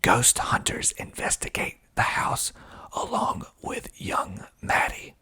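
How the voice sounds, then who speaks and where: A man who directed and starred in a film reads its reviews in a breathy ASMR whisper, with understated, wry asides along the way. He speaks slowly, with a sharp tone.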